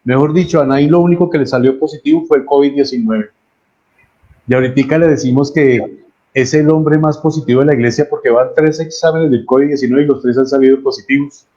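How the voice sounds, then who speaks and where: A man's voice: medium pitch, fairly even intonation, a little fast, dark tone, highs cut off. A man with a Colombian accent, a pastor preaching a sermon earnestly and repeating key phrases for emphasis.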